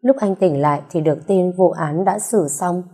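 A woman reading an audio story gives voice to a devoted young husband, speaking gently and reassuringly. His tone is low and mellow, close to the storyteller's own. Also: normal speed, breathy edge. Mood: tender.

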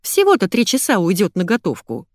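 A woman voicing a bossy, energetic young woman who scolds and gives orders. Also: mid-range voice, dry recording, studio quality. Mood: chirpy. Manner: brisk, commanding, scolding.

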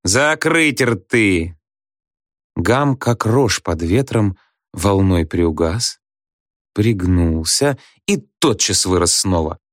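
A man reading a story aloud as an audiobook narrator, in an even, wry storytelling manner. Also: low voice, slow, no echo, studio quality. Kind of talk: scripted narration.

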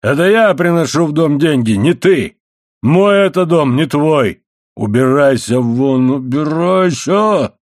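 A man's voice: lowish voice, lively intonation, takes it slowly, no echo, studio quality. A man voicing a drunken, coarse middle-aged coal miner who drags out his words and then bellows. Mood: bellowing. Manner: slurred drawl turning to bellowing.

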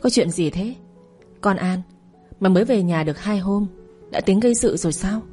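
A woman's voice: medium pitch, moderate pace, warm tone, soft background music, natural voice. A woman voicing a sneering cruel stepmother. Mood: scornful. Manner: mocking, scornful. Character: scheming cruel middle-aged stepmother, sneering. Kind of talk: storytelling audio drama.

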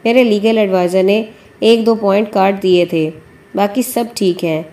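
A woman's voice: mid-range voice, steady tone, warm tone, natural voice. A woman voicing an older male newspaper editor, a chain-smoker who is coaxing and bossy. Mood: instructing.

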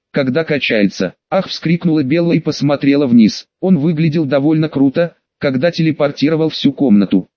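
A man reading a fantasy audiobook aloud in an even, unhurried way, voicing every character alike. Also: on the high side, no room sound. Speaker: audiobook narrator. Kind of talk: scripted narration. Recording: dull, dry lo-fi recording.

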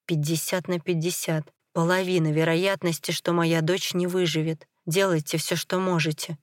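A woman's voice: fairly low pitch, little pitch movement, moderate pace, dry recording, studio quality, lightly acted. A woman reading the lines of a young father who speaks in short, urgent, pleading phrases. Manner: terse, pleading.

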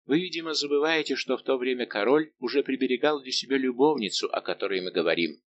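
A man's voice: mid-range voice, quick pace, dull audio, slight background noise, close to an everyday voice. A male reader voicing a heartbroken young nobleman who speaks in a bitter, restrained, formal way, in an audiobook.

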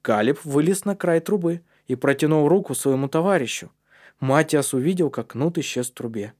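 A man reading a storybook aloud as narrator in a steady, measured way. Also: a little high. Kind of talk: audiobook narration.

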